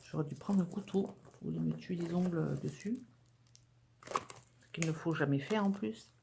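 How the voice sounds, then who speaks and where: A woman with a fairly low voice, talking casually to her viewers about craft supplies she bought. She is chatty and enthusiastic, and she keeps dropping in small fillers as she goes. A faint hiss sits under her voice. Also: moderate pace, creaky. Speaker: craft vlogger showing a shopping haul. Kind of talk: casual chat to camera.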